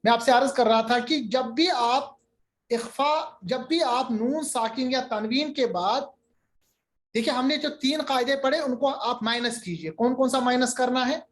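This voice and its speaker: A man teaching a Quran recitation lesson over a video call, patiently repeating terms and drawing out his recited examples slowly. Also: extremely high pitch. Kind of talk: online tajweed lesson.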